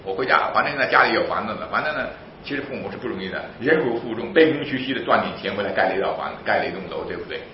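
A man preaching a sermon in an animated, emphatic way, asking rhetorical questions and answering them himself. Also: lowish voice, racing, hardly any pauses, slight background noise. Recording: roomy, slightly dull recording.

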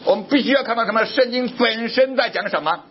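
A man preaching a sermon, asking questions and answering them himself, and reading scripture aloud slowly. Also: extremely high pitch, muffled recording, slight background noise. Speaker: pastor.

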